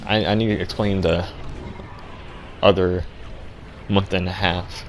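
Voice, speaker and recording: A young man with a very low voice tells a ridiculous story in a flat, deadpan way. He rambles and stumbles, restarting his sentences often. A faint ambient hum sits behind him. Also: creaky. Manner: rambling, halting, full of restarts and fillers. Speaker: vlogger.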